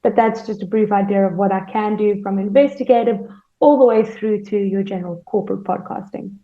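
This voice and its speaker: A woman who works as a podcast producer and manager explains her job as an interview guest. Her mid-range voice is steady, mellow and fairly quick. The recording sounds roomy, dull and lo-fi.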